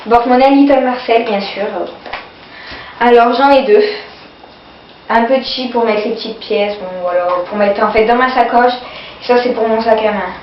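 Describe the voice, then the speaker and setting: A woman with a fairly high voice, sniffly from a cold and runny nose, presents her sale purchases in a casual, hesitant way at a normal speed. Her intonation stays fairly even, broken by long pauses, many fillers and repeated "voilà"s. Slight background noise runs through the echoey, distant, dull lo-fi home video.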